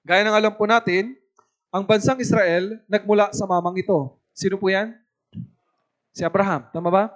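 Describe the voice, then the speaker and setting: A high-voiced evangelist from the Philippines preaches to a youth camp. He keeps his talk lively and asks his listeners again and again whether they follow him. The recording sounds dull and lo-fi. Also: moderate pace, pauses often. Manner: lively, asks the audience "tama po ba" often.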